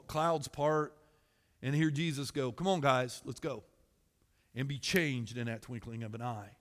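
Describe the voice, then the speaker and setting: Man, pastor, sermon, animated scripture reading, high voice, echoing sanctuary. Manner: animated, swings between loud scripture reading and quiet musing. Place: church sanctuary.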